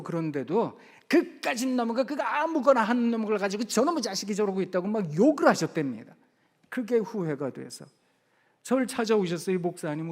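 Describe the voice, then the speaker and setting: A middle-aged male pastor preaching a sermon, telling a story with animated, acted-out quotes in a church sanctuary. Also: high voice. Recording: long reverb of a church hall.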